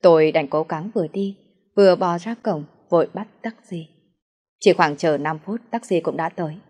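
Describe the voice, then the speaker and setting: A woman's voice: on the low side, normal speed, darkish tone. A woman narrating a first-person story and reading the characters' lines herself.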